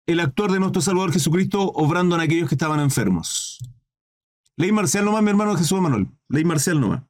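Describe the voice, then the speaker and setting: A man preaching in a livestreamed Bible study, reading scripture aloud, then commenting with rhetorical questions and asides to viewers. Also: sits high. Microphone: livestream microphone.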